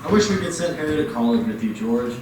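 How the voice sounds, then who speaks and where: An actor playing a calm, kindly middle-aged father who runs a small loan office. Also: a little high, quick pace, natural voice. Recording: echoey room, far from mic, noisy.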